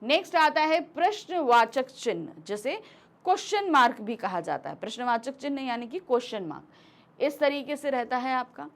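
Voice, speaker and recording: Woman teacher, high voice, animated intonation, step-by-step explanation. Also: normal speed. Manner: explains step by step, acts out example sentences. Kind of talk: grammar lesson explanation.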